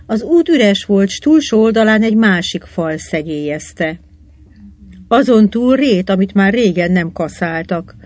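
A narrator reading a children's adventure novel aloud, telling it evenly and lifting the voice for the characters' lines. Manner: even storytelling, quotes read with raised pitch. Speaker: audiobook narrator.

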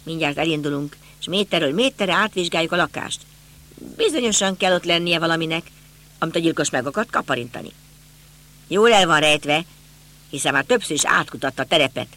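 A man voicing a calm, authoritative middle-aged police inspector. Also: on the high side. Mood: instructing. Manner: measured, authoritative.

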